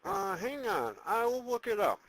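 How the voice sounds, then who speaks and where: A high-voiced, cautious imperial space advisor. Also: male voice, wildly swooping pitch, normal speed, gravelly, fairly bright tone, heavily acted, low-quality recording. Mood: dutiful. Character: cautious, deferential advisor to an evil space emperor. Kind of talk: comedic audio drama acting.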